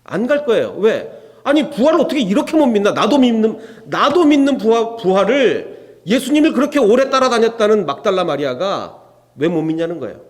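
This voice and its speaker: Animated male pastor in a reverberant hall. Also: sits high, a little fast. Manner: animated, asks the congregation rhetorical questions; acts out biblical dialogue in shifting voices. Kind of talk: expository sermon. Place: church sanctuary. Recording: long reverb from a church hall.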